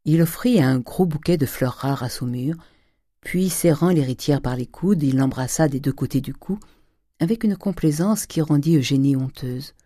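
A measured, steady audiobook reading of a classic novel. The tone is dark and mellow, and the recording is dry with no room sound. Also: mid-range voice, dry recording. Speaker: audiobook reader. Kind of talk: scripted narration of a classic novel.

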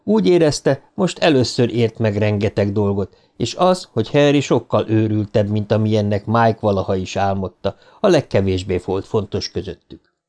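A man reads a novel aloud as a professional audiobook narrator. His telling is expressive and dramatic, lifting in pitch as the scene grows tense. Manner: expressive dramatic reading, tension rising in pitch.

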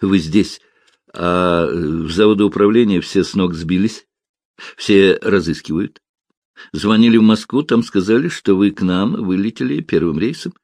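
A man voicing a nervous, jittery male factory lawyer in an audiobook, flustered and turning shrill when upset. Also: unhurried, a little mellow, no echo, studio quality.

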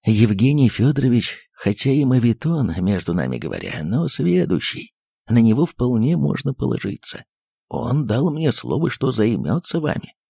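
A man voicing a fussy, sentimental elderly postmaster who speaks low and coaxingly, dropping into whispers. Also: sing-song, moderate pace, vocal fry, dark tone, husky, dry recording, studio quality, heavily acted. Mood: coaxing tender.

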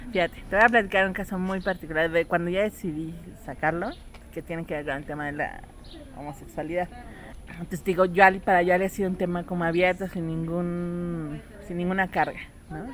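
A woman's voice: fairly low pitch, fairly even intonation, brisk. A woman telling a family story in casual chat, acting out the voices of her child and others.

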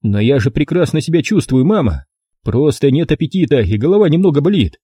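A man's voice: on the high side, sing-song, brisk, dark tone, breathy edge, no room sound, studio quality, pitched above the performer's own voice. A man voicing a meek but irritable grown son answering his mother in an audiobook. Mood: sullen. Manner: sullen, dutiful. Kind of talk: audiobook character voice.

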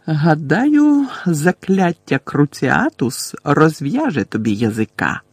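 A man reading an audiobook voices a cruel, sugary middle-aged woman professor who speaks slowly with gloating, breathy menace. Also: a little high, sing-song, no room sound, full character voice. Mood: menacing.

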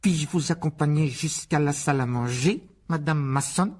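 A man's voice: a little high, moderate pace, pitched above the performer's own voice, lightly acted. A man doing a spoiled smug boy. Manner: affected, sing-song.

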